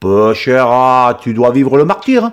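A man's voice: mid-range voice, very animated, measured pace, clean tone, voice pushed up. A man voicing a brash, plump farmer from the south of France with a strong southern French accent and a boisterous way of exclaiming.

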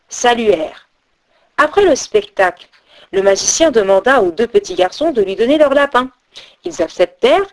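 A woman storyteller reading a children's tale aloud in an expressive, sing-song storybook manner. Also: fairly high pitch.

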